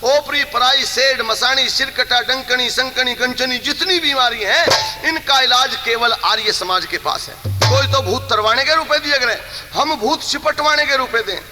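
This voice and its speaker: A man's voice: extremely high pitch, a little slow, in a large hall, music in the background, rough recording. A man telling a folk tale and preaching, acting out voices and breaking into sung refrains. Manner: animated, acts out voices and breaks into song. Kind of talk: Haryanvi kissa storytelling with sung refrains.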